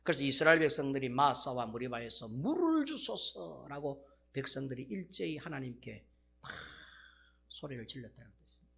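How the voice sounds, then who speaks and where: A male pastor preaching a sermon, telling the story with animated swells in volume and the frequent filler "막". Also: mid-range voice, a little fast, gravelly, husky.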